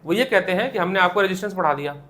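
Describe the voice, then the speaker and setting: A man's voice: high-pitched, animated, very fast, sharp tone. A young man with an Indian accent teaching a physics class, asking questions and answering them himself. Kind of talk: classroom lecture. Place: classroom with students.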